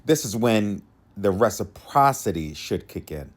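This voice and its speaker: In a lowish, expressive voice, a man hosting a podcast takes his time dispensing dating tips. He speaks casually, restating his main points and laughing quietly to himself.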